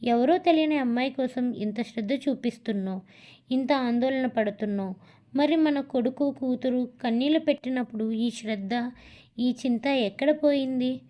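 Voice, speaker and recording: A woman's voice: high voice, moderate pace, highs cut off, close to an everyday voice. A woman reading the lines of a hurt middle-aged wife and mother who speaks with reproach and tears. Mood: reproachful. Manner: reproachful, tearful.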